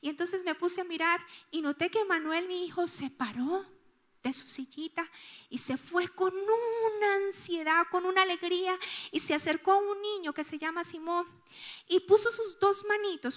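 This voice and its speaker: A woman pastor with a Colombian Spanish accent preaches a sermon, sharing a personal story with strong emotion. Her very high-pitched voice moves at a moderate pace, swinging from loud outbursts to hushed tones.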